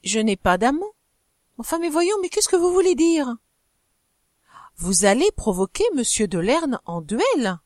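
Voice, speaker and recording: A woman's voice: measured pace, hardly any pauses, no echo, studio quality. A woman doing a young wife pleading earnestly. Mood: pressing. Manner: pleading, earnest, higher and animated.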